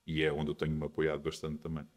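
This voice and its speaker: A man in his twenties, a podcast guest speaking calmly and reflectively in a casual interview. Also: extremely low pitch, quick pace. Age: 20s.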